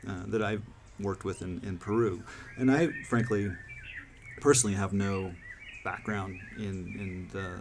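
A man's voice: lowish voice, steady tone, unhurried. A man hosting a podcast in casual chat on an outdoor deck, hesitant with many fillers and restarts. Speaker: podcast host. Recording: background noise outdoors.

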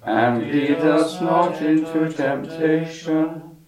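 Slow liturgical chant sung by a choir or congregation, each phrase stretched out. It rings with a heavy cathedral echo and is heard from a distance, with clear organ music underneath. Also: medium pitch. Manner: slow, drawn-out singing. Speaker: church choir or congregation singing responses. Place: large church.

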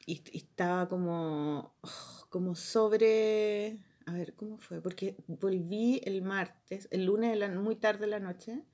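A young woman with a Chilean accent, hosting a podcast and telling an animated story full of voices and laughter. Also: medium pitch, slow pace. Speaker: podcast host. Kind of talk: casual chat.

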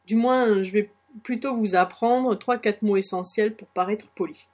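A woman's voice: mid-range voice, moderate pace, a little mellow. A woman with a French accent hosting a casual audio lesson, chatty and encouraging, with frequent hesitations. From France. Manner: chatty, many fillers, encouraging. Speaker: blog host teaching English phrases.

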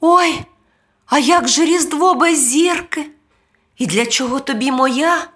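A woman voicing an eager, brave little boy in a children's storybook, with high, excited exclamations. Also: slow pace.

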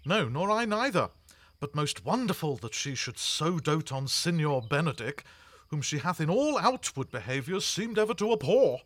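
An actor playing an older nobleman who eagerly joins a scheme with emphatic, animated speech. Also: fairly high pitch, normal speed, no echo. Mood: conspiratorial.

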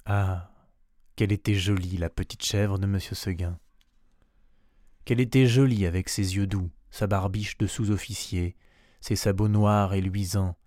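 A man reads a classic tale aloud, measured and expressive, slowing down on key phrases. His voice sits low, and the recording is dry, with no room sound. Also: no room sound. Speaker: narrator.

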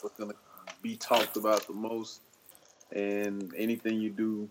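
Podcast host guy, lowish voice, animated, laughs a lot, does little voices for people he quotes. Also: measured pace, noisy background. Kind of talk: casual podcast chat.

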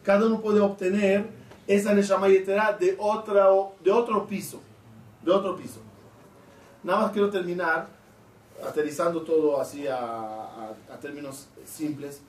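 Here a middle-aged rabbi speaks in a fairly high, even voice at an unhurried but not slow pace, teaching Torah and quizzing his class as he talks. He's captured from afar in a reverberant space, with light hiss in the background.

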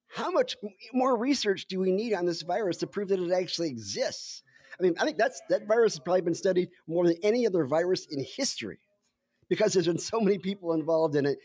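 A man's voice: high-pitched, fast talker, a little mellow, breathy edge, no echo, clean studio sound. A man co-hosting a podcast as a scientist, wry and explanatory in casual chat over a video call. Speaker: scientist co-host.

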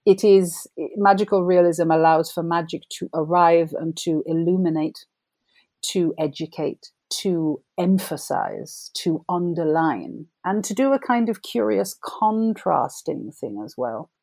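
Unhurried and lowish, with a darkish tone and no echo, this middle-aged Jamaican novelist talks over her writing in a conversational interview. She's reflective and thoughtful, and laughter comes through as she talks.

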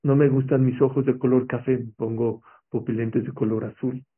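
A man's voice: medium pitch, level tone, moderate pace. A man giving an emphatic motivational religious talk, often putting rhetorical questions to his audience. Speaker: motivational speaker. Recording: tinny, phone-like lo-fi recording.

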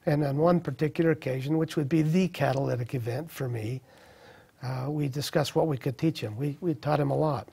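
A middle-aged man telling a personal testimony in an earnest, reflective way, with halting restarts. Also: on the high side, creaky, mellow, slightly rough. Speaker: speaker sharing a personal testimony. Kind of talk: personal storytelling.

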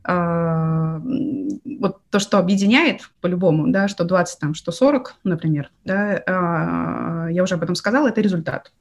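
Reflective woman, halting speech, guest. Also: lowish voice. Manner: reflective, halting, heavy use of fillers. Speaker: guest, agency executive. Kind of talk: casual interview chat.

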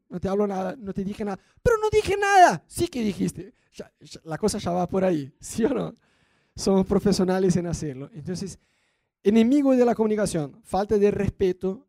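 A man with a Rioplatense Spanish accent gives a lively talk about marriage, voicing what husbands and wives say to make his point. His voice sits high but sounds mellow. The sound is close and dry. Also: dry recording. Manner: acts out quoted spouses, rhetorical asides. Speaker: marriage speaker.

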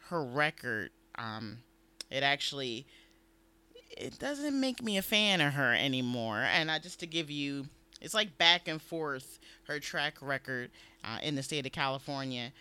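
A man's voice: mid-range voice, expressive, measured pace, pushed and bright, smooth. A man co-hosting a podcast, talking casually about politics, laughing often and acting out what people say. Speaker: podcast co-host.

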